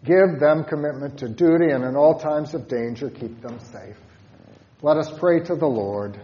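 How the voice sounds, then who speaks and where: A man leading congregational prayer as a pastor, solemnly, in measured phrases with pauses. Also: a little high, dark tone, dull audio, a little hiss or hum.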